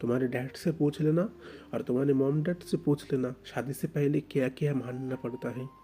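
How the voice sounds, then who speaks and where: A man voicing a possessive young fiancé who talks in a soft, coaxing, soothing way. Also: medium pitch, steady tone, moderate pace, lightly acted.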